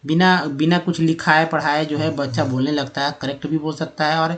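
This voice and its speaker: A man's voice: a little high, little pitch movement, fairly bright tone. Patient man teaching English over slides. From India. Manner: patient, repeats words slowly, many fillers. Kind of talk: explaining lesson over slides.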